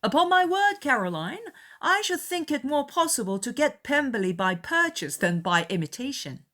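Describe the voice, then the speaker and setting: A woman voicing a cheerful, easygoing, excitable young gentleman in a dramatized period novel. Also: sits high, moderate pace, pitched above the performer's own voice. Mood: breezy, amiable.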